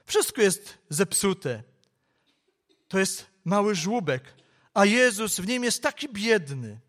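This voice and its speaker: A man's voice: high-pitched, very animated, takes it slowly, fairly bright tone, heavily acted. A man voicing an earnest little girl of about four or five who begs her mother during a told story. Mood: pleading. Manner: earnest and begging.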